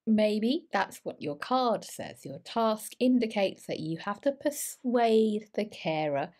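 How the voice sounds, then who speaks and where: A woman teaching exam speaking skills to camera, lively and emphatic as she gives advice. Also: medium pitch, takes it slowly.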